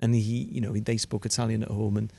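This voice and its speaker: Low, gravelly and husky yet mellow, this Welsh-born comedian's voice barely moves in pitch as he speaks fast on a dry recording. Having grown up speaking Welsh, he gives chatty interview answers packed with restarts and asides.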